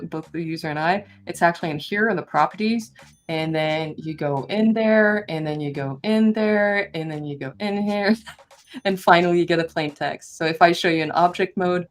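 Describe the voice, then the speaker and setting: A woman presenting a live-streamed software tutorial in a casual, hesitant way full of ums, her voice made robotic and metallic by AI noise removal. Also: on the low side. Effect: robotic, metallic sound from AI noise removal. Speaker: presenter from the product team.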